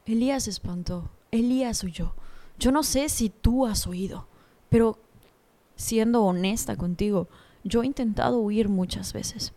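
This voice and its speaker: A woman's voice: fairly high pitch, measured pace, warm tone. Earnest young woman giving a devotional talk. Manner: earnest, personal and confiding.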